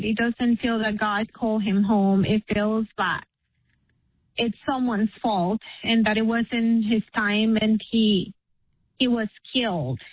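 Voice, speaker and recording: A woman caller comes through a thin, tinny phone line that keeps dropping out, as if on Bluetooth or speakerphone. She speaks slowly and haltingly, with frequent fillers and restarts. The line sounds close and dry, and her voice sits slightly high. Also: dry recording. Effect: phone call that keeps cutting out, asked about Bluetooth or speakerphone. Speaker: radio call-in caller. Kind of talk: halting emotional call to a radio show.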